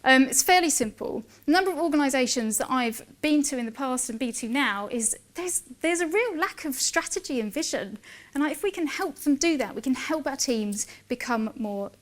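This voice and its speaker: A woman in her forties giving a lively conference talk, chatty and self-mocking, acting out dialogue in her stories. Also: sits high, normal speed. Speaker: conference speaker.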